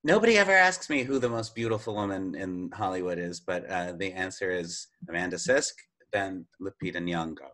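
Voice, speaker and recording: Low-voiced man co-hosting a chat podcast. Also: animated, a little fast, hardly any pauses, a bit bright. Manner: hesitant, many filler sounds, steers topics. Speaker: podcast co-host.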